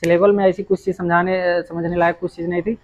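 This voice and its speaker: His voice sits high and his delivery is flat and quick as he explains English grammar on a whiteboard. Patiently repeating himself, he often starts phrases over while writing. The audio has its highs cut off.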